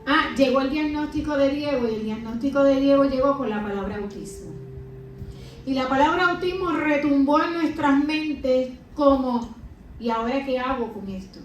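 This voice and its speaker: A woman's voice: sits high, moderate pace, muffled recording, faint music behind. A middle-aged woman gives an emphatic personal testimony to a congregation and keeps asking the audience rhetorical questions. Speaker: church speaker and mother giving testimony. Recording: very echoey hall, mic far off.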